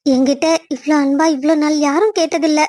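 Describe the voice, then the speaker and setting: A woman's voice: high voice, fairly even intonation, brisk, warm tone, dry recording, close to an everyday voice. Woman voicing a tearful young cartoon heroine. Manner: tearful, defensive. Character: despairing young jobless woman.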